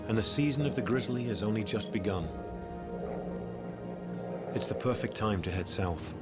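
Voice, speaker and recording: A man delivers scripted nature documentary narration in a measured, storytelling way. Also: on the low side. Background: background music.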